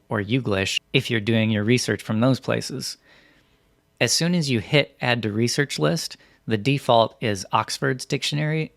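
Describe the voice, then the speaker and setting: A medium-pitched man reads scripted narration for a software tutorial, taking it methodically step by step. The sound is studio quality with no echo.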